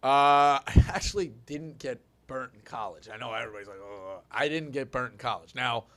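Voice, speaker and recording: A man in his thirties hosting a sports talk show, animated and telling stories with acted-out quotes. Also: mid-range voice, brisk. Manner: animated, storytelling, acts out quotes. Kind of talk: casual sports radio chat.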